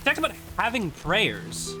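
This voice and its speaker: Excitable swearing male game streamer. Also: sits high, measured pace. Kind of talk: live game commentary. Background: game music.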